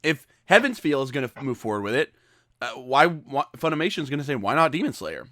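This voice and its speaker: A man co-hosting a podcast, chatting casually and weighing his opinions out loud. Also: mid-range voice, very animated, quick pace, no echo, studio quality. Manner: thoughtful, hedging. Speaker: podcast co-host. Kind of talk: casual chat.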